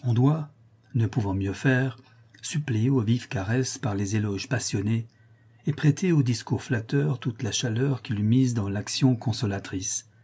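A man narrating a classic novel as an audiobook reader, in a measured, expressive way. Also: medium pitch, breathy edge.

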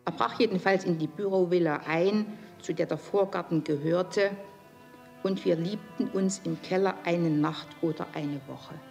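A woman giving a calm, measured scripted literary reading. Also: on the low side, creaky, dull audio, soft background music. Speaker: reader.

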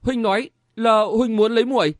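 A woman's voice: a little high, steady tone, moderate pace, no echo, studio quality, pitched above the performer's own voice, natural voice. A man voicing a bashful young woman in a martial-arts romance audiobook, speaking in a coy, pleading tone. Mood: tearful pleading. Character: young shy lovestruck woman, bashful and teasing.

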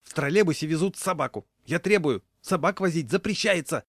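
A man's voice: very animated, a little fast, darkish tone, no echo, clean studio sound. A man reading a story aloud, voicing a nervous, indignant passenger in a ginger raincoat who keeps squealing complaints. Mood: shrill outrage. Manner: shrill, jumpy, indignant.

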